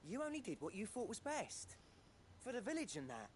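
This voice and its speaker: A man's voice: high-pitched, huge pitch swings, fairly quick, a little hiss or hum. An actor playing a friendly, plain-spoken male villager.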